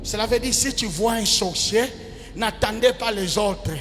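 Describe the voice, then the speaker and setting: A male pastor preaching a sermon, swinging between loud shouted cries and quiet asides. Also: sits high, unhurried, slight background noise. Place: large church hall. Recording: church hall reverb with music. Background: music.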